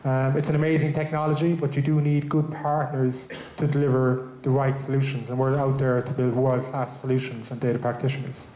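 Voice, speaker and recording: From a small stage in a large, echoey event room, an Irish host in his thirties who heads technology welcomes a tech meetup, speaking loosely into a handheld mic full of fillers and restarts. He has a warm, mid-range voice with flat delivery, a little fast with few pauses.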